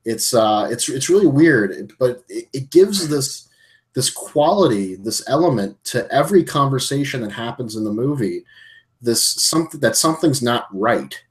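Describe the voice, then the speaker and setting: A man's voice: mid-range voice, animated, normal speed. A man chatting on a podcast, recounting a plot in a loose, meandering way. He often doubles back and restarts his sentences as he talks. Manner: rambling, circling back mid-sentence. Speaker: podcast co-host. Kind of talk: casual chat recapping a film.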